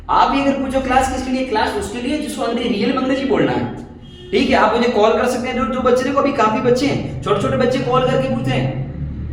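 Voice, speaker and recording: A man with a high voice teaches a class, encouraging his students and repeating drill phrases. His English comes out slow and careful. He sounds far from the mic in a very echoey room with a faint hiss behind him. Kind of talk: classroom teaching, mixing two languages.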